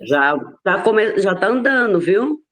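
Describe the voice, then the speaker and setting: A woman on a video call sharing news in an earnest, measured way. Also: medium pitch, big pitch swings, fairly bright tone. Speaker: study group member. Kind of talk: casual chat.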